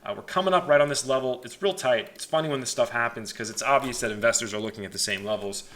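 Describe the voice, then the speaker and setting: Speaking quickly in a mid-range, fairly bright voice, a young male stock market channel host offers chatty, informal market commentary. He hedges his opinions along the way, and the recording carries faint background noise.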